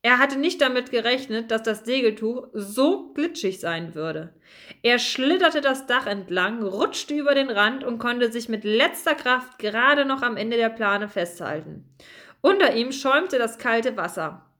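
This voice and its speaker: Female narrator, fairly high voice, expressive children's storybook reading. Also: unhurried.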